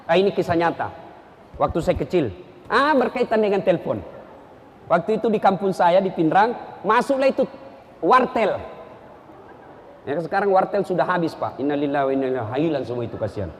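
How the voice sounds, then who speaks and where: A man's voice: high-pitched, expressive, a little fast, pauses often, a little hiss or hum. A man preaching a humorous sermon, telling anecdotes and mimicking the people in his stories. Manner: storytelling, mimics characters, jokes. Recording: reverberant hall.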